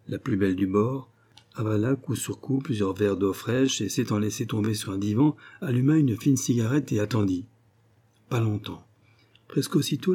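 Mellow husky male audiobook narrator. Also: on the low side. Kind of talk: scripted adventure novel narration.

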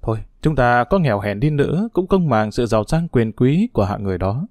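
Man reading as a gentle, firm middle-aged mother, soothing, dry voice, audiobook. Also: medium pitch, expressive, fairly quick, no room sound, close to an everyday voice.

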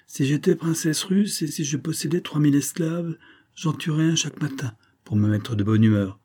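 A man's voice: on the high side, normal speed, dark tone, slightly rough, voice pushed up. A man reading the part of a bored, spiteful married woman, weary, sardonic and impatient, in an audiobook.

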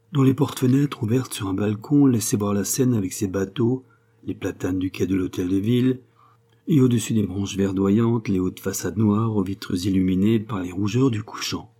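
A man narrating a classic novel as an audiobook in a measured, even way. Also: lowish voice, slightly rough.

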